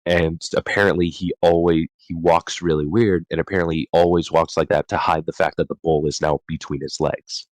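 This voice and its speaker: A man's voice: deep voice, steady tone, fairly quick, hardly any pauses, no room sound, poor audio. A man hosting a casual book discussion, reading chapter summaries from his notes and often stumbling and correcting himself.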